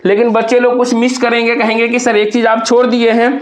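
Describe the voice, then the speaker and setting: A man teaches an exam prep lesson in a very high voice. He explains step by step, spells words out letter by letter and keeps answering his own questions. The room around him is echoey. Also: little pitch movement, quick pace. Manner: talks to students directly, asking and answering his own questions.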